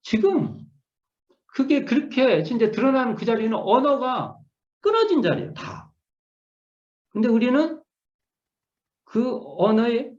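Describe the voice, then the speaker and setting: A man's voice: high voice, a little mellow. A middle-aged man, a minister, gives an online scripture lecture, repeating key words and restarting often as he muses through his explanation. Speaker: Won Buddhist minister teaching scripture. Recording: echoey room, dull lo-fi sound.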